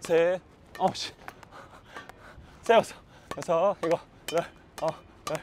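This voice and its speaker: A badminton coach demonstrates defense, hitting against a wall while explaining and counting his strokes out loud. His voice is fairly high and fairly even in intonation, and he speaks a little slowly over a noisy background.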